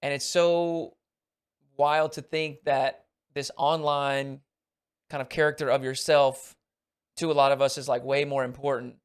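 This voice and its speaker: A man's voice: mid-range voice, level tone, measured pace, clear, resonant tone. An American man hosting a podcast, musing in a thoughtful, reflective way. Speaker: podcast host. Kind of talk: casual podcast chat.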